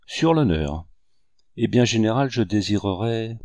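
A man's voice: on the low side, expressive, measured pace, darkish tone, no echo, clean studio sound. A man voicing an earnest, polite young nobleman speaking to a general.

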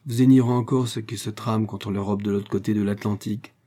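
A man's voice: fairly low pitch, steady tone, a little fast, mellow, natural voice. A man reading aloud, voicing an earnest young male inventor who speaks with heartfelt emotion. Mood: worried.

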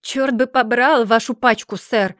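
A woman voicing a proud, quick-tempered older gentleman who blusters loudly and hems and haws when embarrassed. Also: on the high side, dry recording, studio quality, natural voice. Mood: furious. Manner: blustering, then faltering with hems.

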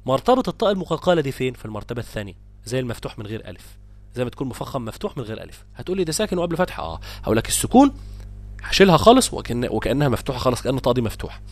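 A man with an Egyptian accent teaching a tajweed lesson. He explains each rule briskly and then stretches out the example words slowly. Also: medium pitch, big pitch swings. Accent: Egyptian Arabic. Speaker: Quran recitation teacher.

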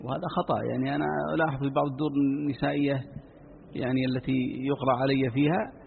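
Gravelly sheikh on a tinny line. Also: male voice, medium pitch, little pitch movement. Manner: measured explaining, many "I mean" fillers. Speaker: sheikh teaching Quran recitation. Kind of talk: lecture answering listeners' written questions. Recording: tinny phone-like lecture recording with faint hiss.

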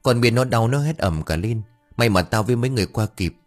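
A man's voice: mid-range voice, animated, quick pace, soft background music, lightly acted. A man voicing a blunt male village friend who teases and scolds. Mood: mocking. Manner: teasing, scolding.

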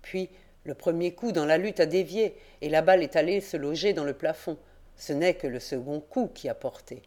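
Composed gentleman, measured and explanatory, read by a woman, audiobook. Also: deep voice, close to an everyday voice. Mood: explaining. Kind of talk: audiobook character reading.

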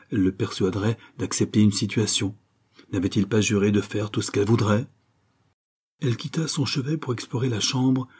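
Husky low-voiced male audiobook narrator. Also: dark tone.

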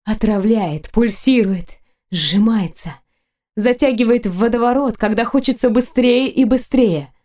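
A woman narrating a first-person romance audiobook, reading softly, intimately and sensually. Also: fairly high pitch, unhurried.

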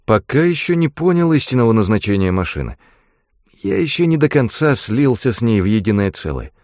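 A man's voice: mid-range voice, very animated, fairly quick, darkish tone, no room sound, studio quality, close to an everyday voice. A man reading an audiobook voices a man fused with a space station, speaking in a grating metallic machine voice. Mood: cold.

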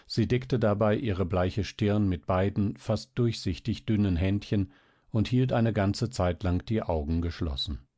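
A man reading a classic story aloud as narrator, measured and even. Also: on the low side, no room sound. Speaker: audiobook narrator. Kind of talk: scripted narration.

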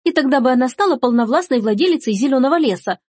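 A shrill, spoiled young noblewoman with a high voice that whines and wheedles, as a woman reads her in a storybook. Her tone is husky, and the recording is dry and close. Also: lively intonation, fast, darkish tone, no room sound. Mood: scheming. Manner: shrill, whining, shrieking. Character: spoiled scheming young noblewoman, whiny, lying.

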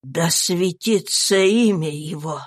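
A woman's voice: lowish voice, no echo, studio quality. A woman voicing a dying, devout old male slave who speaks weakly and solemnly in an audiobook reading. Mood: faint, solemn. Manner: weak, faint, slow and solemn. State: whispery and breathless.

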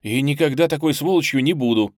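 A man's voice: on the high side, a little fast, no echo, studio quality, voice pushed up, natural voice. Man doing a blunt, eager young pioneer boy. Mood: earnest. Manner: lively, blunt slangy speech.

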